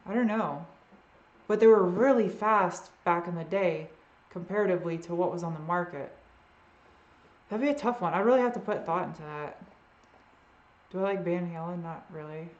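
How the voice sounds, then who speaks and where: Roomy, low-fi woman rambling casually. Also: lo-fi sound. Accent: Boston. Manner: rambling and unsure, often trailing off. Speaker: host answering viewer questions. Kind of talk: casual live Q&A chat.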